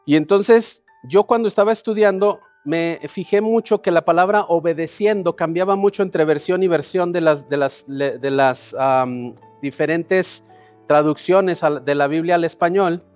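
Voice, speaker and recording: A man's voice: on the high side, moderate pace, darkish tone, soft background music. A man preaching a sermon to a congregation. He explains scripture, asks the crowd rhetorical questions, answers them himself and calls on them to repeat phrases after him.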